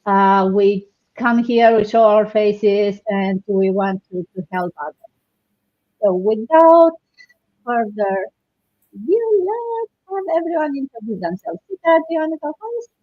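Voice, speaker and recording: A woman from Romania hosting a live online panel chat, talking warmly with many fillers and restarts. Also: fairly high pitch, lively intonation, measured pace, highs cut off. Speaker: host.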